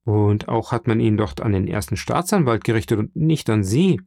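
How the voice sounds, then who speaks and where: A man's voice: on the low side, lively intonation, normal speed, gravelly, dry recording, studio quality. A man voicing an anxious young bride. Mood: doubtful. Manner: pleading, soft. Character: gentle, anxious young woman, newly engaged.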